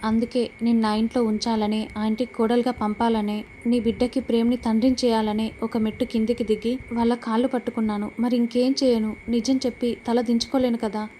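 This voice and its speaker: A woman retelling a TV serial episode, reading every character's lines in her own steady voice. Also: on the high side, brisk, a little hiss or hum. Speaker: serial recap narrator.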